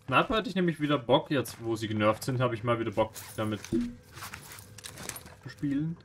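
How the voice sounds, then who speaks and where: A man giving live gameplay commentary, jumpy and anxious, swearing and mocking himself, swinging from low mutters to sudden shouts. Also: lively intonation, normal speed. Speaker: gaming streamer.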